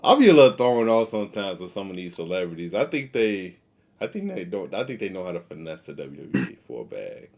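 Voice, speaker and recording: A young man co-hosting a casual chat, easygoing and agreeable, often trailing off softly. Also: low voice, sing-song, brisk. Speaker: podcast co-host.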